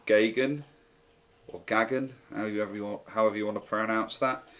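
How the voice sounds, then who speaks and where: A man with a low, fairly flat voice commentates over a football management game. He works through the player signings one by one in an even, unhurried, matter-of-fact manner, recorded as a desk-mic voice-over. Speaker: gaming YouTuber.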